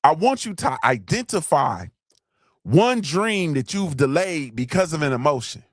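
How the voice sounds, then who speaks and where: A man's voice: fairly high pitch, sing-song, a little slow, no echo, clean studio sound. Fired-up man preaching motivation. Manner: fired up, preachy, repeats lines for emphasis. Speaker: morning show host. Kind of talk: motivational live-stream talk.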